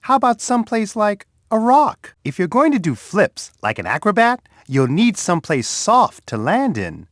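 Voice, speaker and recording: Bear, cheerful and gentle. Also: male voice, sits high, huge pitch swings, moderate pace, few pauses, dry recording, studio quality, exaggerated voice. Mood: friendly, coaxing. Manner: warm, patient, talks straight to a young child. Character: big friendly male bear host, gentle and encouraging. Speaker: game guide. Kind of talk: children's edutainment game voice clips.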